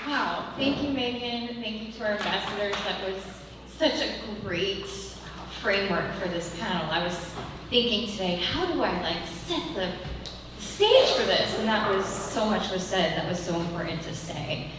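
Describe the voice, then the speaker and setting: A woman's voice: medium pitch, expressive, normal speed. Woman panel moderator, effusive, distant roomy hall sound, background noise. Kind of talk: live panel introduction. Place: large echoey hall. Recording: echoey hall, distant, noisy.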